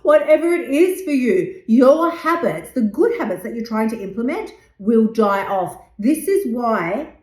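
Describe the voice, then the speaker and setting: A woman's voice: a little high, lively intonation, a little slow, hardly any pauses, a little mellow. Woman in her fifties, motivational podcast host with a blunt, salty delivery, recorded in a roomy space. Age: 50s. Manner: blunt and emphatic, swears freely. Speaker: podcast host and weight loss coach. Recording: roomy echo.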